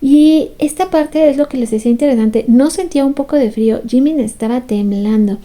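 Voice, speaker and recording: A woman's voice: high voice, fairly quick, dark tone. A woman, casually recapping a show in a chatty, sympathetic way. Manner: chatty, sympathetic, often laughing. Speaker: fan recap commentator.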